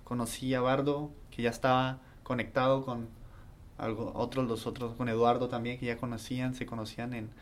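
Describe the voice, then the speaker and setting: Casting: man, mid-pitched, halting and searching for words, faint background noise. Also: level tone. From Colombia. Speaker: band member. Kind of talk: casual conversation.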